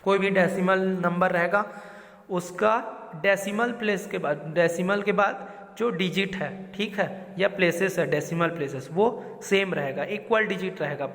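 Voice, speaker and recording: A man's voice: high-pitched, unhurried, a bit bright, big-room sound. A man teaching a school math lesson, explaining step by step and keeping the class on track with questions and a repeated "theek hai".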